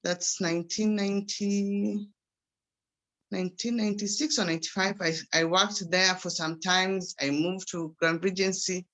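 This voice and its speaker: Older Kenyan woman, grandmother, guest testimony on a video call, bright forward voice, chatty with restarts. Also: medium pitch, fairly even intonation, measured pace. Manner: conversational, with frequent restarts. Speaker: guest speaker.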